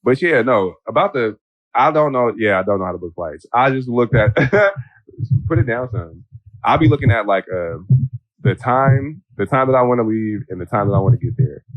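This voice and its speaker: A man's voice: medium pitch, moderate pace, no room sound, lo-fi sound. A man co-hosting a podcast, casually joking with his partner about their trip. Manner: joking, animated storytelling. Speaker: podcast co-host. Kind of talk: casual couple chat.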